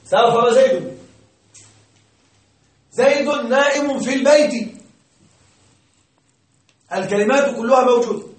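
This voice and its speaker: A man's voice: very high voice, unhurried, pauses often. A man teaching grammar to a class, often asking a question aloud and then answering it himself. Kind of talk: classroom lecture. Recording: roomy, distant mic.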